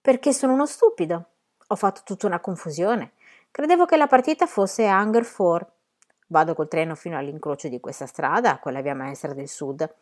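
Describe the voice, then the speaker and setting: A woman's voice: lowish voice, lively intonation, a little fast, darkish tone, natural voice. A woman voicing a jaunty, teasing young man.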